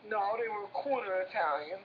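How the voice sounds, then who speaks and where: An actor playing a vain, cocky brother with money and a Brooklyn accent who hesitates with fillers, in film dialogue. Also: male voice, high voice, lively intonation, moderate pace, dull audio, a little hiss or hum. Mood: explaining.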